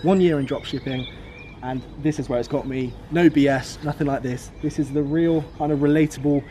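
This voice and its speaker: A man's voice: a little high, fairly even intonation, fairly quick, mellow, slight background noise. A British man in his twenties gives an upbeat, casual motivational vlog outdoors, repeating his key numbers. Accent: British English. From United Kingdom. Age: 20s. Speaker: vlogger. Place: outdoors beside a car.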